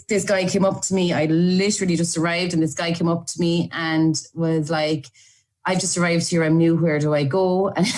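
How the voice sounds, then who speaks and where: Irish woman rambling through her memories for a documentary, deep-ish voice, lots of likes and ums. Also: a little mellow. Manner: chatty, run-on storytelling with fillers. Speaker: aid volunteer. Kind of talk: documentary interview recollection.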